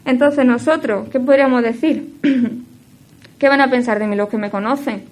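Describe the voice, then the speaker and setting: A woman giving a devotional teaching in a reflective, halting way, with many fillers and self-corrections, her voice often trailing off quieter at the ends of phrases. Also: a little high. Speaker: speaker giving a devotional talk.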